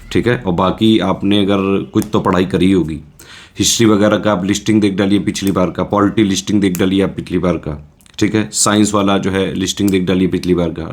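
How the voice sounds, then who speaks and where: Reassuring male exam coach, low voice. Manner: reassuring, keeps checking in with listeners. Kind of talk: casual exam-strategy lecture.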